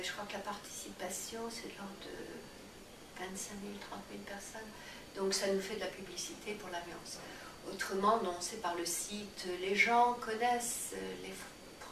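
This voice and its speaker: An older woman from France answers questions in a relaxed, halting way, full of fillers and restarts. She sits back from the microphone in an echoey room with steady noise behind her. Her pitch is mid-range for a woman. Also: gravelly. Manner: hesitant, many fillers and restarts, occasional laugh. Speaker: interviewee, cultural association chair. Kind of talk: casual interview answers. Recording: roomy, distant mic with background noise.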